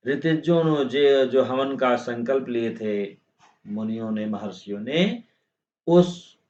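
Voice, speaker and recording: A male teacher gives an unhurried textbook lesson, reading out verses and explaining them line by line. His voice sits at a middle pitch. The recording sounds a little dull and lo-fi. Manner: reads Sanskrit lines slowly, then explains in Hindi, repeating phrases; addresses students as friends. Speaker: Sanskrit teacher.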